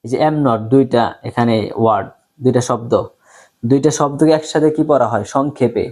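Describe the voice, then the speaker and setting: A man teaching a spoken English lesson, explaining slowly and repetitively, often checking if his students understand. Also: mid-range voice, darkish tone. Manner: slow, repetitive explaining with frequent check-ins; pronounces English example sentences very slowly.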